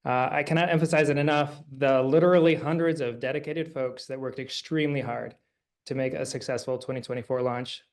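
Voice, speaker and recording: A man's voice: mid-range voice, vocal fry. A man in his forties giving a conference presentation as a designer, earnest and emphatic, with some fillers. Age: 40s.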